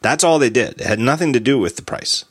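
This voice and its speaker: A man hosting a casual tech podcast, animated and quick to laugh as he spins out hypotheticals. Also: medium pitch, slightly rough, no room sound. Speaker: podcast host.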